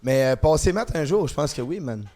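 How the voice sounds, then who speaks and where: A man with a Québécois accent, a guest on a podcast talking in relaxed, slangy casual conversation. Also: fairly high pitch, a little fast. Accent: Québécois French.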